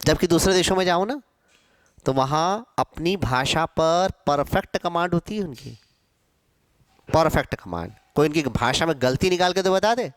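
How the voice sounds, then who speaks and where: In a classroom lecture for exam students, a man with a fairly high voice and lively intonation teaches Hindi. He drills pronunciation by slowly drawing out and repeating syllables, and emphatically scolds students over common mistakes. There's no room sound.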